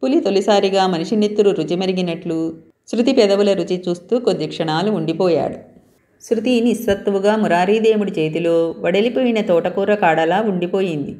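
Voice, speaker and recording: A woman storyteller reading a romance novel aloud in a steady, even way. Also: mid-range voice, moderate pace.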